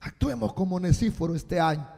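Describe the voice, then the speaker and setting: A man preaching a sermon as a pastor, slow and emphatic with sudden loud bursts, recorded live in a church. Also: sits high, vocal fry. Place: church sanctuary. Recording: live church hall with long reverb.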